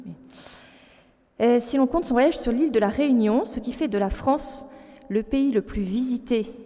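A woman in her forties gives a public personal testimony, earnestly alternating between text she reads aloud and spontaneous asides. Her voice is slightly high and notably warm and mellow. A long reverb from the large hall trails after her words.

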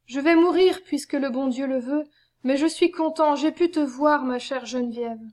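A woman voicing a dying young male soldier, gentle and devout, speaking faintly. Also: high voice, lightly acted. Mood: tender. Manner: faint, fading, slowing speech.

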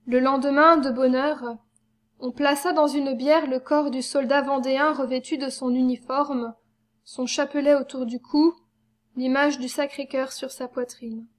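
A woman reading a story aloud in measured, solemn narration. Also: high voice, steady tone. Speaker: reader. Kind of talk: audiobook narration.

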